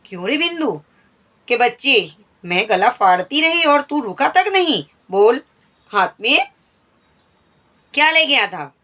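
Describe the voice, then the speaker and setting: A woman voicing an angry, suspicious housewife who scolds her servant boy in shrill shouts, on a slightly dull recording. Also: sing-song, takes it slowly, long pauses, recorded from a distance, exaggerated voice. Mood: angry shouting.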